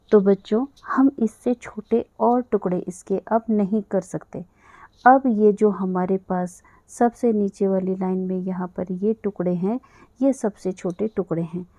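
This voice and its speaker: A woman teaches young children in a dry, close recording, her mellow voice unhurried and careful. She patiently spells out each sound and repeats it for them. The recording is dull and lo-fi. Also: medium pitch, no room sound. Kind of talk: children's language lesson.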